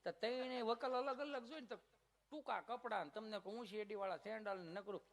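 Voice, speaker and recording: A man's voice: sits high, steady tone. A man with a Kathiawadi Gujarati accent telling folk stand-up comedy stories in a chatty way, often slipping into voices. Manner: chatty, storytelling, quick to slip into voices.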